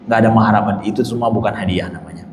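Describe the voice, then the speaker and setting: A man giving a mosque sermon with questions from the congregation, speaking in an animated way with rising emphasis, repeating phrases and addressing the listeners directly. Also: lowish voice, very fast, a little hiss or hum. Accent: Indonesian. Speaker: ustadz giving a mosque lecture. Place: large mosque hall. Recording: echoey mosque hall.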